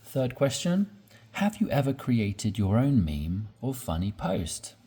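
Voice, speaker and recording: Slow, patient male English teacher. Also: mid-range voice, very animated, dark tone, breathy edge. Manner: patient, repeats and spells out example sentences. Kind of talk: slow explanatory lesson.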